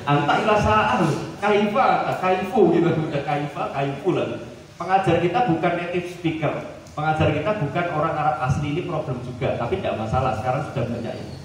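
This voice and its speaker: A man from Central Java with a Javanese-tinged accent, giving a lively, joking seminar talk at a boarding school, slipping into playful mock dialogues. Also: on the high side, a little fast. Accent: Javanese-tinged Indonesian. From Central Java, Indonesia. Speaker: guest speaker at a seminar. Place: large hall at a boarding school. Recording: echoey hall recorded from far off.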